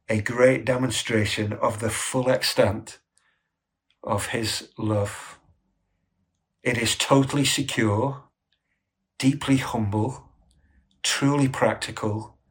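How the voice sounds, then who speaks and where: A man preaching a sermon, telling the story vividly and asking his listeners rhetorical questions. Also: mid-range voice. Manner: storytelling, inviting listeners to imagine; asks the congregation rhetorical questions.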